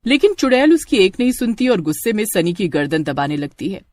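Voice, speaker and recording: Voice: medium pitch, big pitch swings, fairly quick, darkish tone, no echo. Dramatic cartoon-story narrator, dry close sound.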